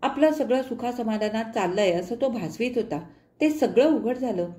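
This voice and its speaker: A woman narrating a short story in a measured, expressive storytelling manner. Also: on the high side.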